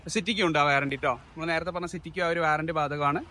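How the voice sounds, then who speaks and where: Kerala guy hosting a car vlog, malayalam english mix, highish voice, casual, keeps repeating stuff back. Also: fairly even intonation, fast, bright, forceful tone, slight background noise. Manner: Malayalam mixed with English words; repeats answers back and checks with questions. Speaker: car showroom video host. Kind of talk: casual vlog interview about used cars.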